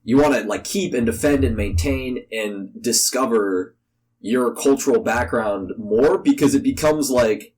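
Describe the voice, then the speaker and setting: Answering questions as a guest on a podcast, a young American man rambles informally and keeps dropping "like" into his speech. His mid-range voice is a little slow and mellow, on a low-quality recording with some hiss or hum.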